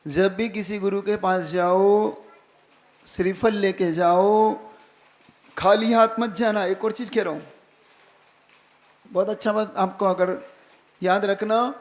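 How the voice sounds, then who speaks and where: Male monk with a high-pitched voice; preaches with emphasis and repeated questions to the audience. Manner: keeps checking the listeners follow with direct questions; emphatic, repeats key phrases. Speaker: Jain monk. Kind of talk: sermon.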